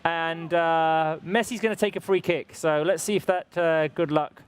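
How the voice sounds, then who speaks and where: A man's voice: fairly high pitch, moderate pace, clear, resonant tone. A man co-hosting a live football show, calling chances and chatting casually. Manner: excitable, exclaims during chances. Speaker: co-host. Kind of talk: live match commentary and chat.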